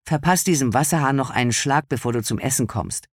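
A man's voice: mid-range voice, fairly quick, husky, no echo, clean studio sound, lightly acted. A male narrator voicing a stern, worried mother who speaks firmly and insistently to her daughter, in a storybook reading. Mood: reassuring. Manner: firm, insistent.

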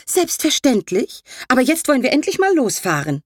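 A woman's voice: high-pitched, sing-song, moderate pace, no room sound, studio quality, voice pushed up. A woman voicing a feisty, stubborn old aunt who answers in snappy, indignant retorts.

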